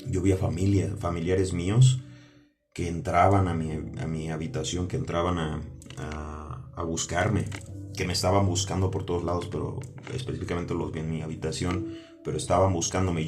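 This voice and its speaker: A man gives a personal religious testimony over music. His voice is low and keeps a narrow, even pitch. He talks in a halting way, repeats himself and keeps checking in with the listener. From Mexico. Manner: halting and repetitive, often asking "¿ok?". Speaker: testimony speaker. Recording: music playing under the voice.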